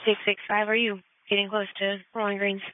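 Woman dispatcher, talks quickly in a level, clipped way, transmitted over a thin walkie-talkie line. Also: mid-range voice, flat delivery, dry recording. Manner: clipped, businesslike radio talk. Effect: over a two-way police radio. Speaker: police dispatcher. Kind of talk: radio dispatch codes. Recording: tinny narrow-band radio transmission.

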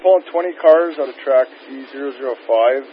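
A man's voice: medium pitch, fairly quick. Male rail crewman, clipped radio procedure, static-burst two-way radio, muffled lo-fi. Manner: terse radio procedure, ends calls with over. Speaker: freight train crew member. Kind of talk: railroad radio call. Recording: crackly scanner radio with static.

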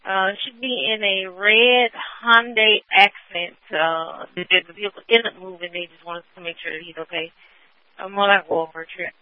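A woman's voice: mid-range voice, no room sound. Female police radio dispatcher; procedural and clipped, very thin phone-like radio sound, dry. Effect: radio transmission. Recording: narrowband, tinny police radio channel.

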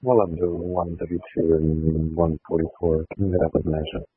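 Deep husky man over police radio. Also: flat delivery, normal speed, no echo. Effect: police radio transmission. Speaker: police officer. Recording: tinny narrow-band police radio.

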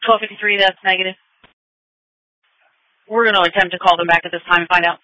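High-voiced male dispatcher over police radio. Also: steady tone, quick pace, bright, forceful tone, no echo. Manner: clipped, terse radio codes. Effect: police radio transmission. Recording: dull lo-fi dry radio audio.

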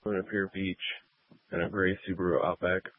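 A man's low voice comes through a tinny police radio, dry and narrow in range. He is a dispatcher, answering units in short, businesslike phrases. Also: level tone, normal speed, no echo. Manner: clipped, businesslike radio talk.

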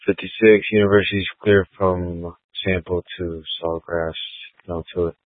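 Man on police radio, flat monotone, dry tinny channel. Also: deep voice, normal speed, dry recording. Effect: police radio transmission. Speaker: field unit on police dispatch radio. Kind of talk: terse radio codes.

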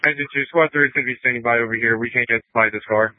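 A man, a fire squad officer, making brisk, clipped calls over a two-way radio. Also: medium pitch, steady tone, dry recording. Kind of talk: radio dispatch traffic. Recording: tinny narrow radio channel.

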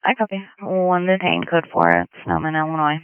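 A male police dispatcher on a tinny, narrow-band police radio channel with a dry sound. His voice sits fairly high and moves lively across its range as he clips through codes, plates and case numbers. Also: smooth, dry recording. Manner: clipped, brisk radio codes.

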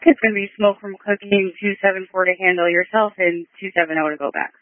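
Man on scanner radio, emergency dispatcher, high voice, clipped call codes, tinny narrow sound, dry. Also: fast talker, no room sound. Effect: two-way scanner radio.

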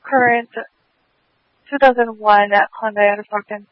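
A woman's voice: mid-range voice, fairly even intonation, unhurried, dry recording. A woman dispatcher speaks over a police radio channel, her clipped, matter-of-fact delivery running through codes and plate returns. The audio is dull and lo-fi, with a dry, close sound and no room around it. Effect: police radio transmission.

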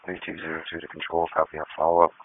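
Deep male voice over police radio. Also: little pitch movement, racing, gravelly. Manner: clipped, terse radio call codes. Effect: heard over a two-way police radio. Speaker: field unit on a dispatch radio channel. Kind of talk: radio dispatch traffic. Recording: tinny radio transmission, distant.

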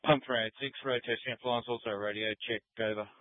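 A man, a firefighter reporting from his truck in measured procedural phrases over a two-way radio with static bursts. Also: mid-range voice, fairly even intonation, no echo. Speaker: firefighter calling from a fire truck. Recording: tinny, dry radio transmission.

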